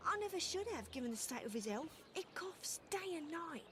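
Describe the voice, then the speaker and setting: A plaintive young woman, very high in pitch. She sounds weary and apologetic in video game dialogue, with clear noise behind her. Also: very animated, a little fast. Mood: ashamed. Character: weary, apologetic young working-class woman, worried niece. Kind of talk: video game character acting.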